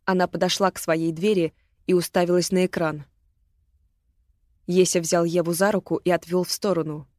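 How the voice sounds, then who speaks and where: A woman reads a tense story aloud in an even, measured manner. Her voice sits low, and the close studio sound is completely dry. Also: no echo. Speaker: audiobook reader. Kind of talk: scripted narration.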